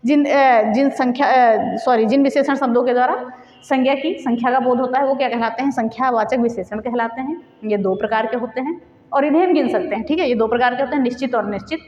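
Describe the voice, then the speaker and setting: A woman's voice: high-pitched, a little mellow. A woman teaching a grammar lesson for exam preparation. She repeats her examples, asks questions and answers them herself, and drops English words into her talk. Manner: mixes English words into Hindi. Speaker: Hindi teacher. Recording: echoey, dull recording in a reverberant room.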